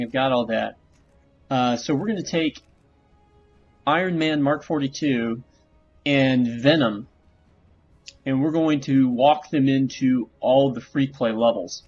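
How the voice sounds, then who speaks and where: A man talks through a video game in a relaxed, rambling way, filling gaps with frequent fillers. His voice sits in a middle pitch. The recording sounds dull and lo-fi, with faint music behind him. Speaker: gameplay commentator. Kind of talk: casual gameplay commentary.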